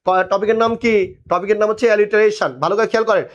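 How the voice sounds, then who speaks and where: A man's voice: high voice, fairly even intonation, fast talker, muffled recording. A young man teaches an online admission class, drilling answers and teasing students. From Bangladesh. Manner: drilling call-and-response, repeating answers.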